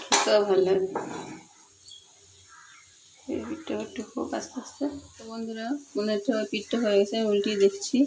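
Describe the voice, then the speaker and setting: A woman's voice: a little high, a little mellow, slight background noise. A woman talking viewers through a home cooking recipe, chatty and pleading with them to try it. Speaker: home cooking channel host. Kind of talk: casual cooking demonstration voice-over.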